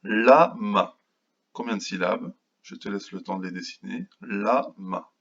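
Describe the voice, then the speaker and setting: A man teaching a phonics lesson to young children, speaking slowly and patiently and sounding out each syllable. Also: low-pitched, steady tone, gravelly, dull audio. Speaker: kindergarten teacher.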